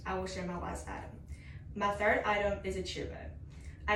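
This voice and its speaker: A young woman gives a prepared student speech, working through her points in a scripted, orderly way. Her voice sits at an average pitch. It is picked up from a distance in an echoey room with slight background noise. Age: young adult. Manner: scripted, signposted point-by-point delivery. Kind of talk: prepared introductory class speech. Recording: roomy, distant mic with faint noise.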